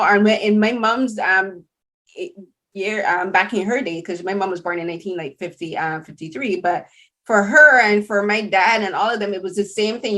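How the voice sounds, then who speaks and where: A woman from Barbados speaks with a Barbadian accent as she hosts a relaxed interview. She tells her stories in an animated, chatty way, sprinkled with casual fillers. Her voice sits at an ordinary middle pitch. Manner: animated, chatty storytelling with many "like"s. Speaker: podcast host.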